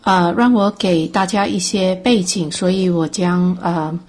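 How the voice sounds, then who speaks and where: A woman in her twenties preaching a sermon and reading scripture aloud, pausing often with filler sounds. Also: lowish voice, steady tone, darkish tone. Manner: hesitant, frequent filler sounds.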